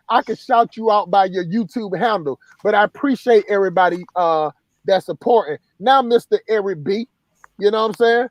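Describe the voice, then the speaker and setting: Live stream host, man, high voice, dry close sound, loose rambling delivery. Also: dry recording. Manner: rambling, many restarts and "you know what I'm saying". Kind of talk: casual live stream talk.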